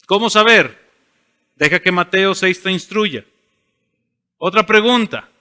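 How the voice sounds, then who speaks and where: A man's voice: sits high, takes it slowly, bright, forceful tone, clear, resonant tone, in a large hall. A man preaching a sermon as pastor, asking rhetorical questions and answering them himself. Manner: asks rhetorical questions and voices imagined listeners. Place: church sanctuary.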